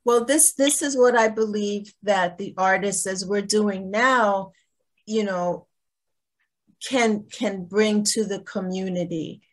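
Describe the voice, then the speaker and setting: A woman's voice: mid-range voice, slow. A woman from Trinidad who grew up in Brooklyn, hosting an online gallery talk in a chatty way, often restarting her sentences. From Trinidad, raised in Brooklyn.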